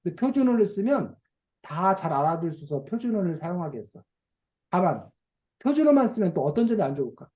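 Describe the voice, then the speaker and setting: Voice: medium pitch, big pitch swings, fast talker, mellow. A teacher running an online reading class for children over a video call, asking questions and playfully acting out dialect phrases.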